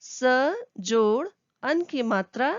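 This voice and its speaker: A woman's voice: a little high, lively intonation, slow pace, no room sound, muffled recording. A woman teacher giving a lesson to children, explaining patiently step by step.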